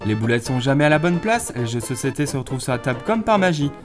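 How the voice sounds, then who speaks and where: Lively, quick sarcastic male commentator. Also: medium pitch. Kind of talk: comic commentary voice-over. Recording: music clearly behind.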